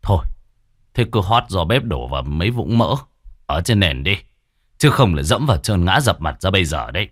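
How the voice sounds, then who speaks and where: A man's voice: low voice, big pitch swings, moderate pace, a bit bright, dry recording, clean studio sound, full character voice. A man voicing a stern, matter-of-fact middle-aged village father for an audio ghost story.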